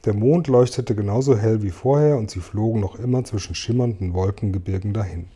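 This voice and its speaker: A man reading a children's storybook aloud in a calm, measured way. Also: fairly low pitch, husky. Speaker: reader.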